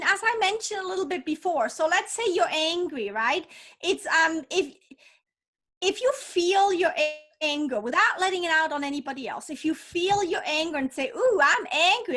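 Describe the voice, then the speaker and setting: High, enthusiastic woman guest. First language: not English. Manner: enthusiastic, upbeat, animated. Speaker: podcast guest, author. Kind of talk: casual interview chat.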